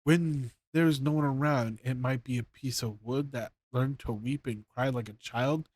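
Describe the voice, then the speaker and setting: A man's voice: medium pitch, normal speed, darkish tone, slightly rough, lightly acted. A man playing an older, easily frightened woodcarver who talks to himself nervously. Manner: trembling, nervous self-talk.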